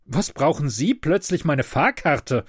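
A man's voice: a little high, very animated, unhurried, breathy edge, no echo, clean studio sound, full character voice. A man doing a whiny sickly old passenger. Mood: whining. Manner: whiny, complaining, tearful. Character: frail whining older male train passenger.

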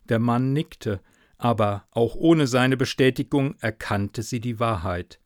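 A man narrating a story in a measured, softly dramatic way. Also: mid-range voice, no echo, clean studio sound.

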